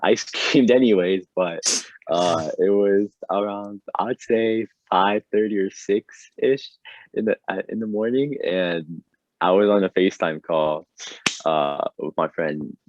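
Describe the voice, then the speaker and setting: Young male podcast co-host: deep, excitable, laughs a lot, rambling chat, on a dull lo-fi mic. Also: a little slow, dry recording. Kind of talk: casual chat. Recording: dull, dry lo-fi sound.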